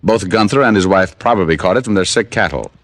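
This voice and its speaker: An actor playing a hard-boiled American private detective in an old-time radio drama, wry, clipped and pushy. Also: male voice, sits low, fast. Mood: cool, pressing.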